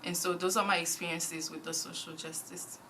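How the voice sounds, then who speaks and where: A young woman from Haiti answering interview questions as a board nominee, measured and full of small pauses. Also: on the low side, little pitch movement, bright, forceful tone, slight background noise, rough recording. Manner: measured, frequent ums. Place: council committee room.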